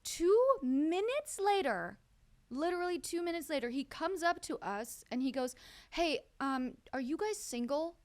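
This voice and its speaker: A young adult woman co-hosting a comedy podcast, telling a story with lively, exaggerated quotes. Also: sits high, a little slow. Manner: animated, acts out quotes in an exaggerated voice. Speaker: podcast co-host.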